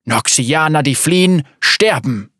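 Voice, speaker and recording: A man's voice: on the high side, lively intonation, measured pace, fairly bright tone, dry recording, studio quality. A man voicing a stern, grizzled general who growls clipped commands, in a storybook reading. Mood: grim.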